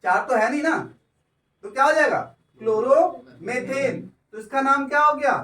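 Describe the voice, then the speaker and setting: High-voiced male teacher, echoey classroom. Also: fairly quick, pushed and bright. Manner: keeps asking if students understand, draws out words. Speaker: chemistry teacher. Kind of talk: classroom lecture. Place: classroom with students. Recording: echoey room, voice from far off.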